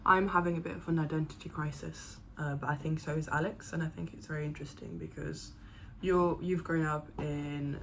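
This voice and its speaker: A young woman vlogger, born in Zimbabwe and partly raised in Paris, with French as her first language, chats casually in a low voice with vocal fry. Her speech is full of fillers and restarts, and the rough recording carries a slight hiss or hum.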